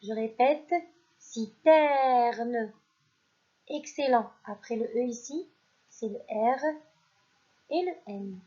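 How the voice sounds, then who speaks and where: Slow, husky-voiced woman teaching phonics. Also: on the high side, expressive, muffled recording. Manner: slow and deliberate, repeats each word and stresses it louder; addresses pupils directly, praising them. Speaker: primary school teacher. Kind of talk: recorded French phonics lesson.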